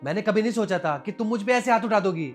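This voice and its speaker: Acting lightly as a wounded husband in a web short drama, a man speaks with hurt reproach after his wife slapped him in public, sulking and swearing he'll leave home. His voice sits high and moves quickly, with soft music underneath.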